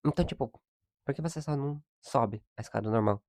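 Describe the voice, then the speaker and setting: A man's voice: medium pitch, fast, a little mellow, dry recording, studio quality. A young man hosts a solo podcast, ranting in exasperation about everyday annoyances and laughing often. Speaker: podcast host. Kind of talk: casual solo podcast monologue.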